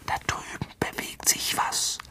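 A man doing a hushed, tense boy wizard. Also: a little slow, whispered. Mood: tense whisper. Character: wary boy wizard, a young teen.

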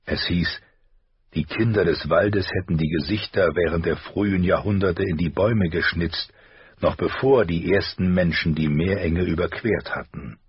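A man narrating an audiobook in a measured, grave storytelling manner. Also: deep voice, breathy edge, no echo, highs cut off. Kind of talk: scripted narration.

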